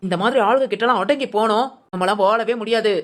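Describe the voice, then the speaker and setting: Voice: mid-range voice, fast, lightly acted. A performer voicing an outspoken young woman in a cartoon, blunt and scornful as she gives her friend orders. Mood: bossy. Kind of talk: cartoon family drama voice acting.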